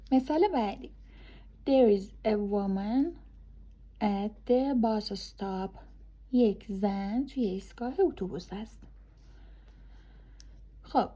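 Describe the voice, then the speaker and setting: A woman English teacher, explaining grammar casually and reading example sentences slowly and deliberately. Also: fairly high pitch, warm tone, breathy edge.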